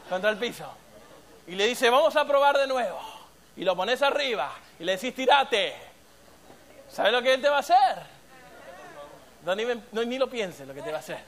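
A man preaching a sermon in an animated, playful way with sound effects. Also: very high-pitched.

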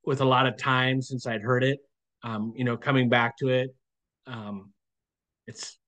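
Man, podcast guest, casual chat, hesitant, frequent ums, middle pitch. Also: flat delivery, unhurried, a bit bright. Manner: hesitant, thinks aloud with frequent "um"s.

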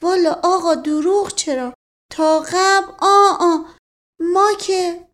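A woman voicing an old male servant who frets and chatters in a high, drawn-out folksy way. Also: fairly even intonation, fairly bright tone. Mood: fretful.

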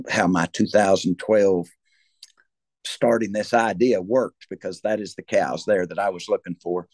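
Deep-voiced, folksy Southern rancher. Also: male voice, darkish tone, no room sound. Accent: Southern US rural. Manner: folksy, rambling, repeats words and restarts often. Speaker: cattle rancher, interview guest. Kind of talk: conversational explanation.

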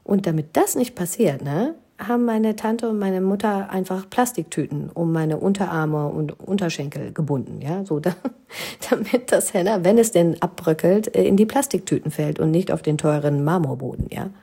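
Plaudernde Frau mit kratziger, dunkler Stimme. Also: female voice, lowish voice, lively intonation, normal speed, warm tone, breathy edge. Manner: chatty, humorous, frequent tag "ne?" and "äh". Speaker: storyteller recounting her own wedding. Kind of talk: casual spoken anecdote.

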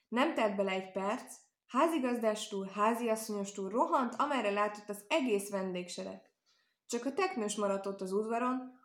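A woman narrating a children's animal tale, in a calm, even storytelling manner. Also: medium pitch. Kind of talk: storybook reading. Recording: roomy echo.

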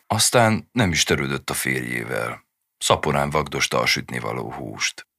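Man reading a short story out, really deep voice, dry close sound. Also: expressive, gravelly, sharp tone, slightly rough, no echo. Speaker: audiobook narrator. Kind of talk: scripted narration of a short story.

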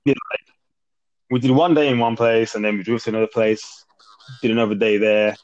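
A man's voice: fairly low pitch, steady tone, a little fast, dull audio. A man in his thirties with an urban British accent, chatting informally and matter-of-factly as a guest recounting his experiences. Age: 30s. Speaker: interview guest. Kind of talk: casual chat, recounting experiences.

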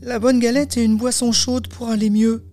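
A man voicing a polite, innocent little girl in a storybook, high and light, with wide-eyed exclamations. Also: flat delivery, moderate pace, mellow, faint music behind. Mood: sweetly polite.

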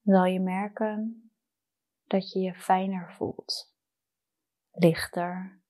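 A woman guiding a meditation in a soft, soothing, unhurried manner with long pauses. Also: mid-range voice, little pitch movement. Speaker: meditation guide. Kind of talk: guided meditation.

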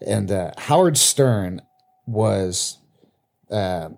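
A man in casual podcast chat, rambling and profane, with halting restarts. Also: fairly low pitch, expressive, gravelly, darkish tone. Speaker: podcast co-host.

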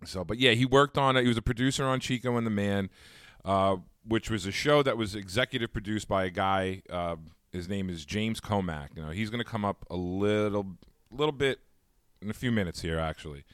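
A man's voice: lowish voice, brisk, a bit bright, smooth, no room sound, studio quality. A man co-hosting a podcast, chatting casually and laughing often. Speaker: podcast co-host. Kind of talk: casual chat.

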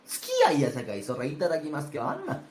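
Man as picky boastful guest, rakugo, Kansai accent, loud sneering drawl, faint room noise. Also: fairly high pitch, huge pitch swings, rapid-fire. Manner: scornful, drawling complaints. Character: snobbish boastful male guest, picky eater. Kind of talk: rakugo storytelling. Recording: roomy with faint ambience.

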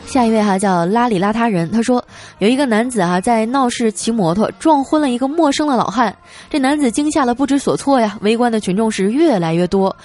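A woman's voice: on the high side, animated, brisk, a little mellow. Playful woman reading listener jokes. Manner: playful, teasing storyteller. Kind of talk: radio-style joke reading. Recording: music bed underneath.

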